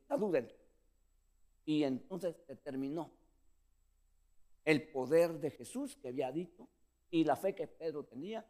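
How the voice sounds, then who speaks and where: A man preaching a sermon as pastor, calling listeners brother and acting out the scripture scene. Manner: preaching with lively pitch swings, addressing listeners as brother.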